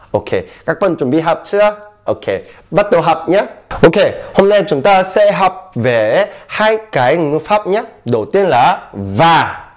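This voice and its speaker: Lively Korean-accented male language teacher. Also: fairly high pitch. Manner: lively, repeats phrases for learners to copy, many fillers. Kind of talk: casual online language lesson.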